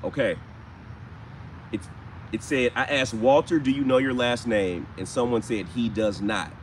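Male paranormal stream host, mid-range voice, patient spirit questioning, clear outdoor traffic noise behind. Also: medium pitch. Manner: slow questions with repeated calls to spirits. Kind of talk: live ghost-hunting chat. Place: outdoors in a cemetery.

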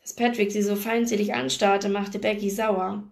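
A woman reading a novel aloud in a steady, expressive way. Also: medium pitch, normal speed. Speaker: book reader.

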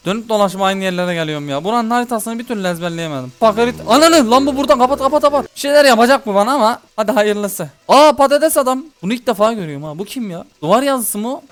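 A man's voice: sits high, smooth. A man giving gameplay commentary to his viewers, frustrated, talking to himself and swearing often as he plays. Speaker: mobile game YouTuber.

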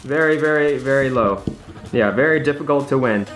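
A man's voice: mid-range voice, moderate pace, fairly bright tone, soft background music, low-quality recording. A man hosting a vlog with casual play-by-play, half talking to himself and repeating phrases. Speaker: scratch-ticket vlog host.

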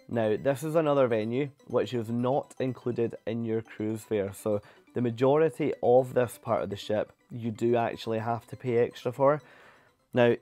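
A man's voice: mid-range voice, warm tone, no echo. A young man narrating a cruise ship tour in a chatty, enthusiastic way, often repeating words for emphasis.

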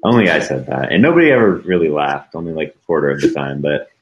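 A man who builds tiny houses, answering questions in a relaxed live Q&A, with lots of fillers. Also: a bass voice, quick pace, dull audio, a little hiss or hum. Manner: casual, filler-heavy. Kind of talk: live Q&A chat.

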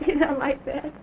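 An actress playing a doting woman who coos and laughs softly while caring for a little girl, in early talkie film acting. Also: sits high, vocal fry, narrow, tinny audio, full character voice. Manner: cooing, soft and laughing. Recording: scratchy 1920s film sound, hissy.

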